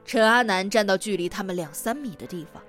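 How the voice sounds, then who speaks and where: A woman narrating a novel as an audiobook, with expressive, measured reading. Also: medium pitch, soft background music.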